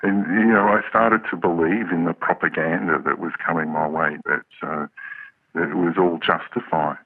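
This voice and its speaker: A man with an electronically altered, disguised deep voice, speaking hesitantly as an interviewee on a radio program. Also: steady tone, no echo. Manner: hesitant, halting, many pauses. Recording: narrow, phone-like altered audio.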